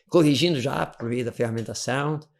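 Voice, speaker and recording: A Brazilian man teaching English, chatty and animated, laughing often and drilling phrases aloud. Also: medium pitch, measured pace, vocal fry. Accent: Brazilian Portuguese. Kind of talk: teaching chat over a student video.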